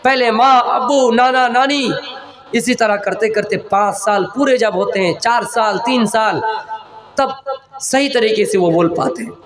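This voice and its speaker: A male preacher giving an emotional, drawn-out sermon that tells a story. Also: very high-pitched. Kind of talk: Islamic sermon. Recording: crowd audible behind.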